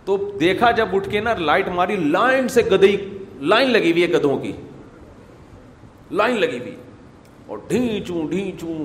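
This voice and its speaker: A man preaching a sermon, telling stories with sharp swings between loud and soft. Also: medium pitch. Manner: animated storytelling with sharp swings in loudness. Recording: echoey hall with faint noise.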